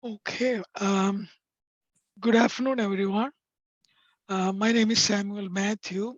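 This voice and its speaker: A man with a non-native English accent presents vocational rehabilitation in a webinar, his high-pitched, soft voice steady in tone but sometimes hard to hear. He hesitates, pausing often with lots of fillers, over dull, dry video call audio with no room sound.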